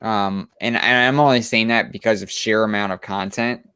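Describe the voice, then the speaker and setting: A man with a low-pitched voice chats about comics in an eager, meandering way, often restarting his sentences. The sound is dry and close, with no room around it. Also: steady tone, moderate pace, sharp tone, clean tone, no room sound. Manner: enthusiastic, rambling with many restarts and fillers. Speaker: co-host of a comic book show. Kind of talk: casual chat.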